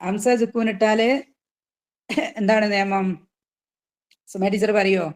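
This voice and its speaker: A woman teaching a tajweed class, patiently explaining rules and asking students questions, drawing out recited examples slowly. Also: mid-range voice, flat delivery, darkish tone.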